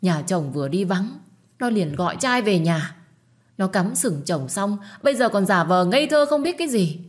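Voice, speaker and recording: A woman voicing a scornful older mother-in-law who shrieks insults and wails loudly. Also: medium pitch, big pitch swings, normal speed, pitched above the performer's own voice, natural voice. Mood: furious. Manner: shrieking, abusive, wailing to the heavens.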